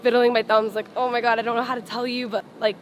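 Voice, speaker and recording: Standing on a sidewalk with street noise around her, a young woman gives a relaxed interview; she is a singer born and raised in LA, and Farsi is her first language. Talkative and quick to laugh, she uses "like" constantly. She talks fast in a slightly high voice with a level tone.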